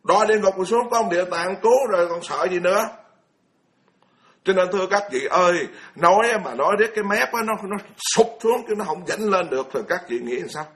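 A man's voice: sits high, expressive, fairly quick, fairly bright tone. A man, giving a blunt, colloquial Buddhist sermon full of scolding rhetorical questions. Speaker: Buddhist monk lecturer.

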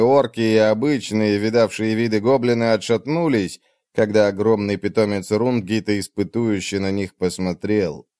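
A man narrating a story as a scripted audiobook. His voice sits fairly low and mellow. The sound is dry and close, and his reading stays steady and even. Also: clear, resonant tone, no echo.

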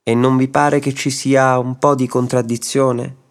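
A man voicing a calm, patient judge who reasons gently, in a radio story reading. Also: mid-range voice, measured pace, pitched above the performer's own voice, natural voice. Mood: puzzled. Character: patient, wry male judge.

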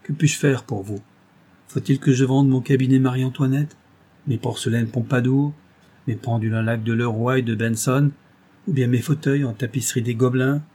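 Man reading a proud cornered noblewoman, commanding, scornful, husky tone, audiobook. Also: medium pitch, fairly even intonation, normal speed, warm tone, close to an everyday voice. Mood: bitter. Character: desperate proud noblewoman, imperious and bitter.

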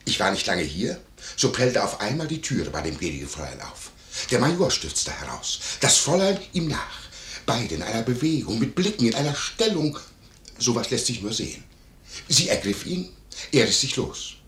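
Wheedling busybody innkeeper, lively inflection, roomy studio echo, radio play. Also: male voice, mid-range voice, moderate pace, slight background noise. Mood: agitated retelling. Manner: wheedling, chuckling, theatrical storytelling. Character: fawning nosy male innkeeper, curious and greedy. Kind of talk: classic stage radio play acting.

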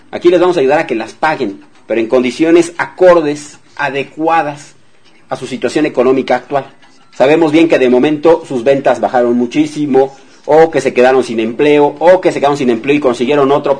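A man's voice: mid-range voice, a little mellow. Man, radio host, casual debt advice, talks straight to listeners, acts out little dialogues. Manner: conversational, addresses listeners directly, acts out example dialogues.

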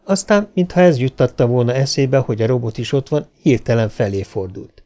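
A man reading a novel aloud as an audiobook, in an expressive storytelling manner. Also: mid-range voice. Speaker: audiobook narrator. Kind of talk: scripted narration of a novel.

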